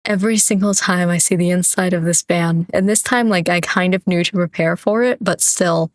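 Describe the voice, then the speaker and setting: A young woman streamer reads a story game aloud, relaxed, with casual asides and small slips. Her voice sits on the low side, and the recording is close and dry. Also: moderate pace, no echo. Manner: relaxed, with asides and self-corrections. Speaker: streamer reading a visual novel.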